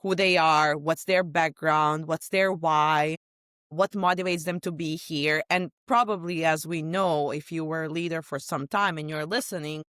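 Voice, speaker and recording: A woman's voice: deep voice, steady tone, normal speed, a bit bright, clean tone, dry recording, studio quality. A woman from Serbia with a Serbian accent, a guest on a podcast talking openly in loose, chatty phrases. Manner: chatty and open, talks in loose run-on phrases. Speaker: podcast guest, sales leader. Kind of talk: casual podcast conversation.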